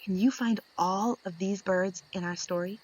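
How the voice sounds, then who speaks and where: With poor audio quality, this clip captures a woman reading to young children in a medium-pitched voice. She's expressive and deliberate, fond of pausing for drama.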